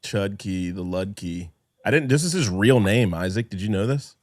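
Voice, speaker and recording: A man's voice: fairly low pitch, expressive, normal speed, dry recording, clean studio sound. A man hosting a casual podcast chat, profane and teasing. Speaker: podcast host.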